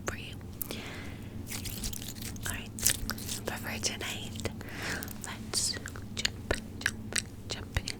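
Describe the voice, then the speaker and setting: A woman hosting an ASMR ramble in a breathy, cupped-hand whisper, lingering on and repeating words. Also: low-quality recording. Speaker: ASMR host.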